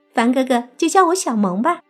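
Lady doing a cute coy fox spirit girl, high squeaky and loud, storybook audio. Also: full character voice. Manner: coy, sweet and bubbly. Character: playful young female fox spirit, cute and eager. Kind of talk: audiobook character voice.

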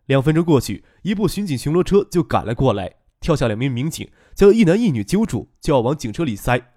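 A man's voice: medium pitch, very animated, fairly quick, warm tone, no room sound, clean studio sound. A man narrating a serialized novel as an audiobook storyteller.

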